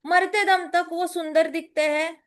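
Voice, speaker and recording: A woman's voice: very high-pitched, fairly even intonation, measured pace. A woman telling a scripture story in a casual, playful way, slipping in English phrases.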